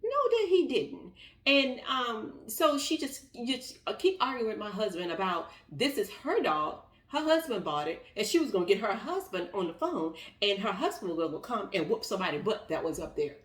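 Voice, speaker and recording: A woman vlogger telling a personal story in a casual, animated way, acting out what others said. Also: medium pitch, brisk, few pauses, distant mic. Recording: echoey room, voice off-mic.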